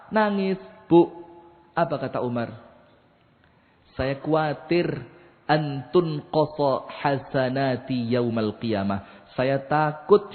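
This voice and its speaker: Preacher, high voice, echoey hall. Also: male voice. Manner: storytelling, acts out quotes, chants Quran verses. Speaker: Islamic preacher. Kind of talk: mosque sermon. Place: mosque hall. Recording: echoey hall over a tinny line.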